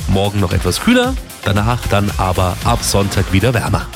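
Low-ish guy doing the radio weather, steady read, music underneath. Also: brisk, gravelly. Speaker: weather presenter.

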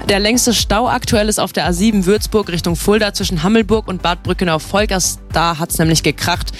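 A woman giving a friendly, chatty radio traffic report. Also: lowish voice. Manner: friendly, quick, chatty delivery.

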